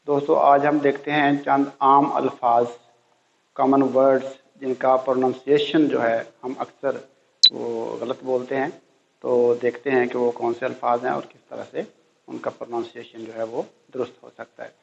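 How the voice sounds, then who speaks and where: A man teaching English pronunciation to beginners, slowly repeating each word many times. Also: medium pitch, flat delivery, creaky, fairly bright tone, a little hiss or hum. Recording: roomy, echoey, dull lo-fi sound.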